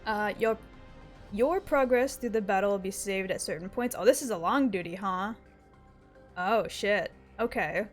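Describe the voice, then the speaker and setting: A woman game streamer chatting casually on a livestream in a playful, expressive, sometimes sweary way. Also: medium pitch. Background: game music.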